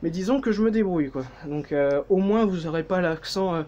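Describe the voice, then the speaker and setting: Man with a French accent, high voice, chatty teacher, noisy recording. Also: brisk, mellow, dull audio. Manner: chatty, jokey, with frequent fillers and self-corrections. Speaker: German teacher. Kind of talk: casual language lesson.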